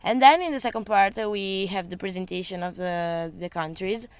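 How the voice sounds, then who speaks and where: A woman's voice: mid-range voice, normal speed, a little hiss or hum. A young woman from Italy, a youth exchange participant, talking hesitantly with many fillers. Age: young adult.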